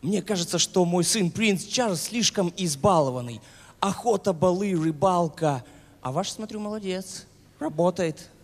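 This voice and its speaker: Young man as a high-voiced formal queen. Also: animated, heavily acted. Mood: regal, sly. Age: young adult. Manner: formal, measured address. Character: gracious female British queen in comic drag. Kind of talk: live sketch comedy speech. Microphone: handheld. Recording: echoing hall, noisy crowd.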